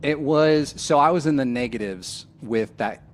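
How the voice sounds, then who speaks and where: A man's voice: mid-range voice, unhurried, a little hiss or hum. A man chatting casually as a tabletop role-player, jokey and sweary, acting out his character as he goes. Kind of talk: casual game chat.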